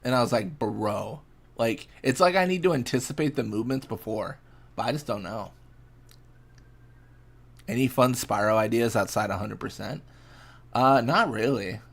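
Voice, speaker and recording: Laid-back young man with gravelly voice. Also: mid-range voice, normal speed, long pauses. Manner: laid-back, rambling, reacts to game with mild exasperation; answers chat questions casually. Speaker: streamer. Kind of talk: casual live-stream chat while gaming.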